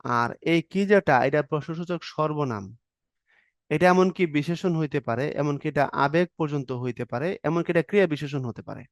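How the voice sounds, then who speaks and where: A man with a fairly high voice teaching an exam-prep grammar class. He explains each rule step by step, acts out short example questions and answers, and keeps asking whether the students are following. The recording is dry and close. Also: moderate pace, no room sound.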